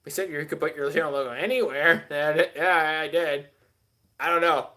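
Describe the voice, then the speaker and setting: A man's voice: fairly high pitch, moderate pace, pushed and bright. A man hosting a live stream, rambling casually and answering chat with many filler words.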